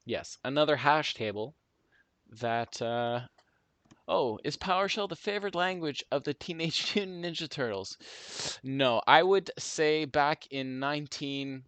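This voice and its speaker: A man hosts a live coding stream, chatting casually and answering viewer comments in a friendly, rambling way with fillers and self-repeats. His voice is fairly high and fairly bright, at a measured pace, on a dry recording.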